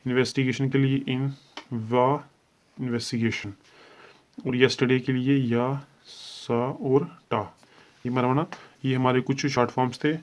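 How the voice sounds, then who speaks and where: A man's voice: medium pitch, little pitch movement. A man teaching a shorthand lesson, patiently walking through each sound and repeating his steps. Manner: patient, repetitive, spells out sounds slowly. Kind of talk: classroom-style lesson explaining at a board.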